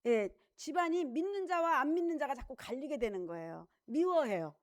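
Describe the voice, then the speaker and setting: Woman pastor preaching, high voice, emphatic and chatty, keeps asking the congregation questions. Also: darkish tone. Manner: emphatic, with frequent rhetorical questions; conversational, with casual asides. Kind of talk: sermon.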